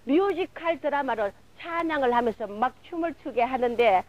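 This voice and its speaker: A woman's voice: high voice, lively intonation, normal speed, muffled recording. A woman preacher giving an emotional sermon testimony, retelling events in a fervent, breathless way with many filler words.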